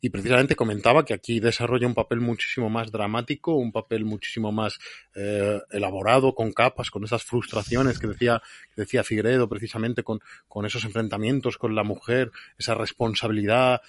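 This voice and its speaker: A man's voice: fairly low pitch, steady tone, brisk, no echo. A man discussing a film in a casual, analytical and emphatic way. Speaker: film commentator.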